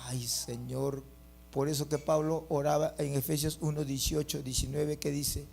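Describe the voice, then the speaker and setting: A middle-aged man preaching a fiery sermon as pastor, breaking into loud bursts and acting out quotes. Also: fairly high pitch, little pitch movement, moderate pace, vocal fry, slight background noise.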